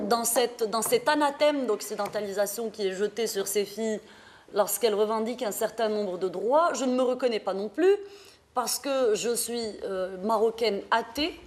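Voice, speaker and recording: A woman's voice: a little high, a little hiss or hum. Earnest woman speaker from Morocco. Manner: earnest, hesitant, many fillers and restarts. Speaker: panel speaker. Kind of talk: public talk at a debate.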